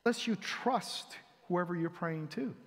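A male pastor preaching a sermon, animated and acting out quotes with sudden loud exclamations, recorded in a church sanctuary. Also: high voice, measured pace. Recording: church hall reverb.

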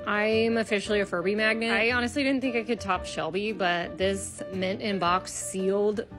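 A woman's voice: medium pitch, steady tone, moderate pace, music in the background. A woman collector giving an enthusiastic, gushing voice-over about her vintage finds in a casual show-and-tell.

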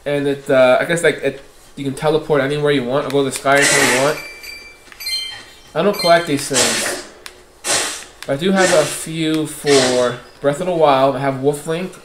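A man's voice: on the high side, moderate pace, pauses often, noisy background. A man giving casual let's-play commentary, swearing often and ranting irritably at the game. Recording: roomy echo with game music. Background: game music.

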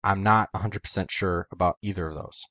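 Low-voiced man explaining step by step. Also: steady tone, brisk, pushed and bright, no room sound. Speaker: educational video host. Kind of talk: scripted explanatory narration.

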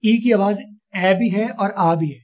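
A man's voice: sits high, slow pace, lo-fi sound. A man from Pakistan teaching a spoken English class online, patiently quizzing a student with repeated questions.

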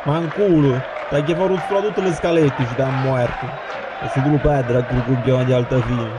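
A man's voice: medium pitch, fairly even intonation, a little fast. A man with a southern Italian dialect accent hosts a parody football commentary. He is mocking and crude in his delivery. A heavy, noisy stadium crowd roars behind his voice throughout. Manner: mocking, foul-mouthed.

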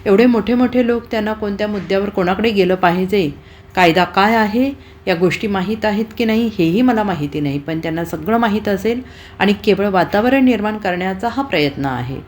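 Woman reading a news report in a brisk style. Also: medium pitch, a little mellow, a little hiss or hum. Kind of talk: scripted news voice-over.

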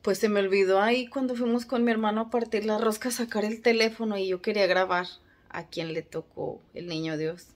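A woman vlogger, chatting at home late at night, a little hoarse, self-mocking and full of fillers. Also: mid-range voice, fairly quick. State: slightly hoarse. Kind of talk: casual chat to camera.

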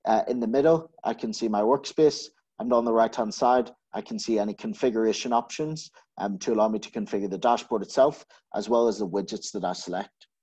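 A man giving a methodical screen-share software walkthrough, explaining each step with frequent filler sounds. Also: lowish voice, fairly quick, slightly rough. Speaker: solutions architect giving a software demo.

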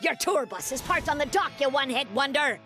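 A woman's voice: high-pitched, animated, fairly quick. A woman voicing a blustering houseboat captain mother in a cartoon, theatrical and commanding, with pirate lingo. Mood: indignant, bossy. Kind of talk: animated cartoon dub acting. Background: background music.

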